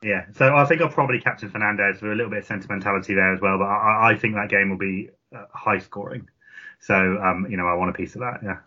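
A man joining a casual podcast chat, talking in a relaxed way with ums. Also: on the low side, quick pace, slightly rough. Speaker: podcast panelist. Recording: lo-fi, off-mic dry sound.

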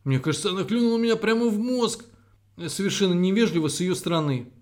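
A man voicing an excitable little male sparrow from a children's fairy tale, shrieking and pleading. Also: high-pitched, fast talker, voice pushed up. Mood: whiny.

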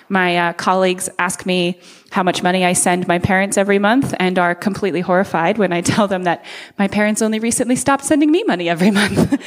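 An earnest woman from the States in her thirties speaks to a church crowd, friendly and open, stopping often on soft uhs. Her voice carries through a big hall with a long reverb tail. The pitch sits mid-range for a woman. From United States. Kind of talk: presentation to a church congregation.

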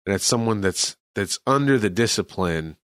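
A man's voice: fairly low pitch, lively intonation, normal speed, a bit bright, clean tone, dry recording, studio quality. A man from California, a missionary, talking earnestly about faith in an interview. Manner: earnest, preacherly.

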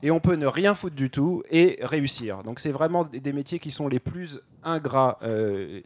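A man's voice: medium pitch, expressive, moderate pace. A man on a radio panel giving a blunt opinion, padded with fillers. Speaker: panel columnist.

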